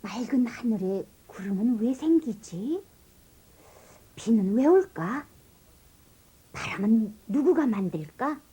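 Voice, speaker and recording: A woman voicing a bold, kind, curious young boy in an animated storybook, asking eager childlike questions. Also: sits high, normal speed, muffled recording. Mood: wondering. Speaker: voice actor for the child lead.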